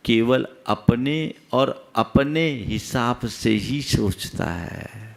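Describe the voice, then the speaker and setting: A man's voice: mid-range voice, fairly bright tone. A man, a monk, giving a sermon that questions his listeners and teaches through everyday anecdotes. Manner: asks the audience rhetorical questions. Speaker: Jain monk preacher.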